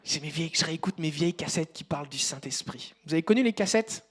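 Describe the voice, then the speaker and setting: A man's voice: fairly high pitch, animated, fast talker, husky. Man preaching with a personal story. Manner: conversational, addresses the congregation directly; rises to loud emphatic passages. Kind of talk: sermon with personal testimony.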